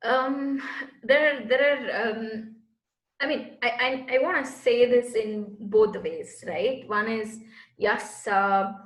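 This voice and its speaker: A woman from Bangalore, India, a space entrepreneur guest in an interview, speaks slowly in a rather high voice. She earnestly explains her path in casual answers, searching for words as she goes, and the room sounds echoey.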